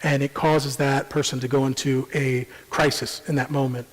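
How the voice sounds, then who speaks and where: A man presenting a parenting seminar in a church, explaining at a measured pace with frequent ums and uhs. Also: mid-range voice, flat delivery. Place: church sanctuary. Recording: long church hall reverb.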